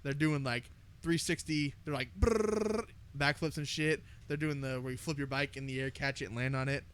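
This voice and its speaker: A man's voice: mid-range voice, little pitch movement, fairly quick, a bit bright, smooth. A young American man chatting casually and telling stories in a boisterous, sweary frat-bro way as a podcast co-host. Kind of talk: casual chat, storytelling.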